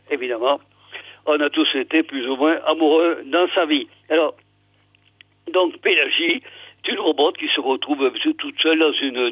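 A man's voice: on the high side, slightly rough, dry recording. A man reading a novel aloud on the radio, stopping often to comment, with many fillers and restarts. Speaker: radio reader. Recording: dry, phone-like radio sound.

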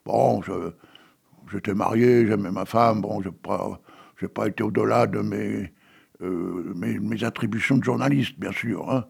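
A man's voice: lowish voice, measured pace, darkish tone. An older man from Paris, reading poems and telling stories in a chatty, digressive way with many asides. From Paris, France. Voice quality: gravelly, husky. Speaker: poetry reader and storyteller. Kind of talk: casual spoken reading and chat.

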